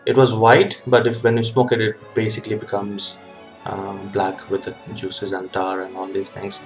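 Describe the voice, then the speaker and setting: A man talking casually to a webcam as a hobby video host, in a halting way with frequent ums and pauses. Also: fairly low pitch, little pitch movement, music in the background. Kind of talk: casual vlog talk. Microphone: webcam setup.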